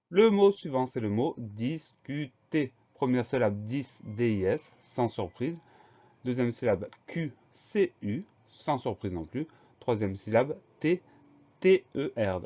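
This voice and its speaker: A man teaching a spelling lesson, slowly and methodically spelling out words letter by letter. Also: lowish voice, a little mellow, highs cut off.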